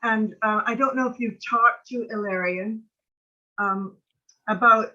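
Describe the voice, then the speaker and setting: A woman in her late seventies speaking with missing front teeth, chatting effusively and haltingly on an online call. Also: fairly high pitch, steady tone, bright, forceful tone. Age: late 70s. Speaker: participant in an online gathering. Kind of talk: casual video-call chat. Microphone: video call microphone. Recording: muffled, band-limited online call audio.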